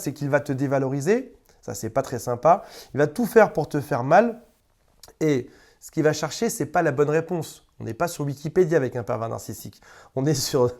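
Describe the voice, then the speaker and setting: A man's voice: fairly high pitch, lively intonation, fairly quick, a little mellow. Man coaching viewers in casual talk. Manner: conversational, repeats words, briefly acts out quoted exchanges; addresses the viewer directly and informally. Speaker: relationship coach. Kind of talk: direct-to-camera coaching advice.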